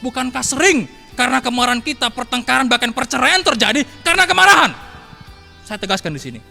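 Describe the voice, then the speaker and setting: Guy preaching a morning devotion, high voice, lots of reverb and faint music behind. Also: animated, fast talker, vocal fry, bright, forceful tone. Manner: emphatic, repeats phrases, addresses listeners as saudara.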